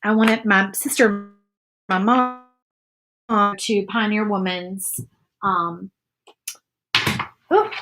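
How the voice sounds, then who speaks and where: Audio quality is poor as a Virginia woman in her thirties, with a light Southern accent, paints and chats with viewers via live comments, recorded on a phone or camera close by. Her medium-pitched voice is steady, with drawn-out words and long pauses, and she stays friendly, thinking aloud as she works.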